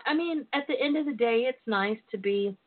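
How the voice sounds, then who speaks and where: A woman hosting a casual, irreverent talk show, with a sassy, theatrical, freely cursing manner. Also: fairly quick. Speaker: host of a relationship talk show. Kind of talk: casual, irreverent radio chat. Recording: muffled low-bandwidth internet radio line.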